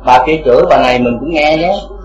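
High-voiced man giving a dharma talk. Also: brisk, roomy sound, lo-fi sound, soft background music. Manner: asks the audience rhetorical questions again and again. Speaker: Buddhist Dharma teacher.

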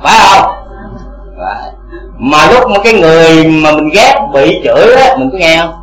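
A man's voice: fairly high pitch, very animated, normal speed, fairly bright tone, echoey room, poor audio. A man teaching Buddhist dharma to a congregation, asking rhetorical questions again and again.

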